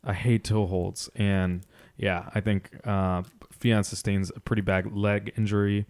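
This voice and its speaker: A man co-hosting a podcast gives casual sports recap commentary, explaining in a measured way and repeating phrases. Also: fairly low pitch, little pitch movement, darkish tone, smooth. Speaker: podcast co-host.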